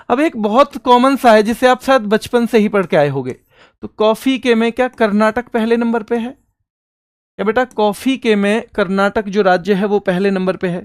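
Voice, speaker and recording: A man's voice: high-pitched, clear, resonant tone, dry recording. A male teacher runs an online exam-prep lesson, quizzing his students and affectionately calling them son and brother. He drills each answer by repeating it several times. The recording is dry and close, with no room sound. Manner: repetitive drilling, answers his own questions.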